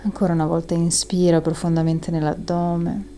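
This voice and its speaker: A woman leading a guided breathing meditation in a soft, soothing and calming manner, with long audible exhales. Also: on the low side, normal speed, a little hiss or hum.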